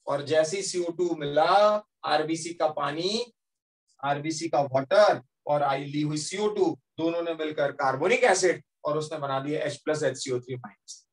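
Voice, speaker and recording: A male teacher giving a lively classroom lecture as a story, often checking that students follow. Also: on the high side, measured pace, distant mic.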